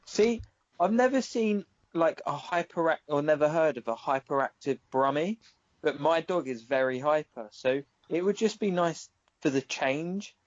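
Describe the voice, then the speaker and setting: A man's voice: on the high side, normal speed. A man on a podcast, chatting casually with dry joking asides. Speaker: podcast co-host. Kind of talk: casual chat. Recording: dull lo-fi audio with faint noise.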